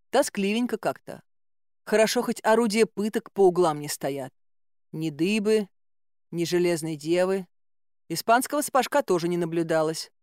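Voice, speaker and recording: A woman narrating a first-person audiobook in a lively, ironic way. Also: fairly low pitch, dry recording, studio quality.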